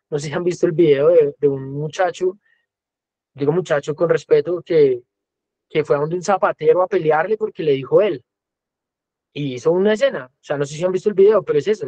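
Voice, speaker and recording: A man's voice: fairly high pitch, warm tone, no echo, lo-fi sound. A man with a Colombian accent giving an educational talk as a music teacher, lecturing conversationally. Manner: conversational lecturing, often acting out quoted voices. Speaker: music teacher, guest speaker.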